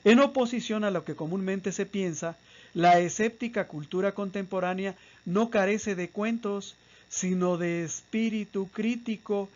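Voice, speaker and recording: High-voiced man lecturing with rhetorical questions. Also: a little slow, dull audio. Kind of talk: apologetics lecture.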